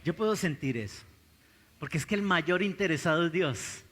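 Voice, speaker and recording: A male pastor with a Colombian accent delivers a sermon in a fairly high voice. He swings from loud, pressing exclamations to low, intense asides. The live recording carries a long reverb from the church hall. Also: animated, moderate pace. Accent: Colombian Spanish.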